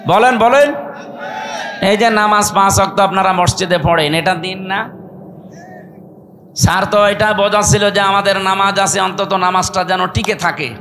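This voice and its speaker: A man with a Bangladeshi accent preaches over a public-address system. His voice sits high, with a bright, hard edge. He exhorts his listeners like a fiery sermon-giver, firing rhetorical questions and demanding that they respond. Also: steady tone, normal speed, slight background noise. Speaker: Islamic preacher.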